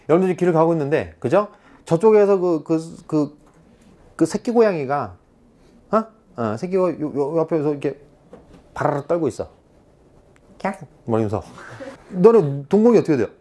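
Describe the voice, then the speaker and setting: A man tutoring students for an exam, lecturing in a chatty, animated way, often checking in with "right?" and acting out little scenes. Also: on the high side. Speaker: Korean-language exam tutor.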